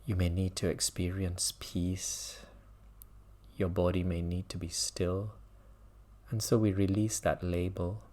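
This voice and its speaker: Gently guiding a mindfulness meditation, a man acting as teacher lets long pauses fall between his phrases. His voice is low and his delivery flat.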